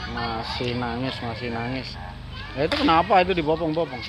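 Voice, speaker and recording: Woman, casual vlogger, calls out to people, lively up-and-down voice, noisy outdoor recording, animals in the background. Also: extremely low pitch, a little fast. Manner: calls out loudly, chatty to viewers. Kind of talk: casual handheld vlog chat.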